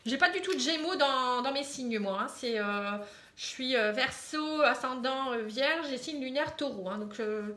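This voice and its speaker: Northern French woman, casual tarot reader, chatty and encouraging, high and bright. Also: animated, normal speed. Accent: northern French (Pas-de-Calais). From Pas-de-Calais, northern France. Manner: chatty, tags nearly every phrase with "hein"; reassuring and encouraging. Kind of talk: casual tarot reading to camera.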